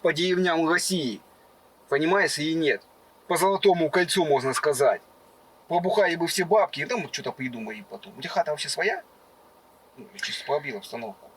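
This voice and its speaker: A cocky, boastful male suitor, put on by a man for a car prank, speaks in a high voice with a slushy lisp that turns s toward sh. He rattles along quickly in slang like a shameless freeloader. Faint noise sits behind him. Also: expressive, a bit bright, poor audio. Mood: scheming. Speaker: prankster host of a hidden-camera dating prank. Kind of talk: improvised prank dialogue. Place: inside a car.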